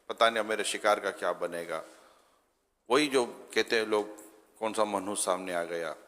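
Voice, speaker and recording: A male religious scholar giving a storytelling talk, acting out the characters' voices as he goes. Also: lowish voice. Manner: animated storyteller who acts out voices. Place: studio. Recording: studio with long reverb.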